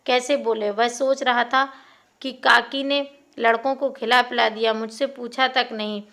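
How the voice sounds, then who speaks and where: A woman reading a classic short story aloud in a steady, expressive narration. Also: on the high side, measured pace.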